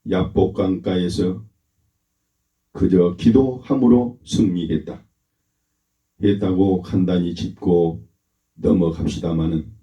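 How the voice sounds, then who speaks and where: A man, a pastor, delivering a sermon in a slow, emphatic way and asking the congregation to repeat after him. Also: sits low, warm tone. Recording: roomy, dull lo-fi church recording.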